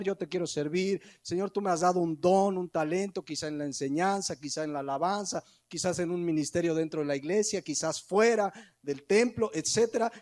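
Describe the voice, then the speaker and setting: Male pastor, high pitch, emphatic church sermon with rhetorical questions. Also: a little mellow. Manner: emphatic, rhetorical questions, acts out the congregation's replies.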